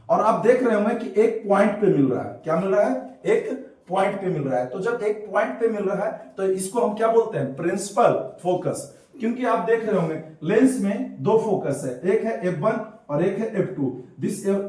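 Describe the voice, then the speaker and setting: A man's voice: sits high, a little mellow. A male physics teacher giving a classroom lesson, mixing Hindi and English terms, asking questions and answering them himself while repeating key words. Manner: mixes Hindi with English terms, calls students by pet names. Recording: echoey room, far from the mic.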